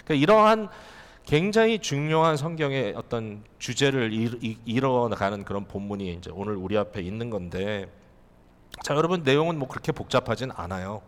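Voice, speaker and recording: Man preaching, lively voice in a reverberant hall. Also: mid-range voice, a little fast. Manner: conversational preaching, rhetorical questions to the congregation. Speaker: pastor. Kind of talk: sermon.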